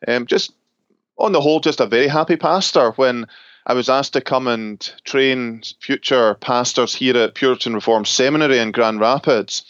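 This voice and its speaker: In a relaxed interview, a middle-aged pastor and seminary professor from Scotland speaks thoughtfully, pausing now and then, laughing softly, and restarting sentences. He has a medium-pitched, fairly bright, clean voice. The close, dry recording lacks room sound, and its top end comes across slightly muffled and dull.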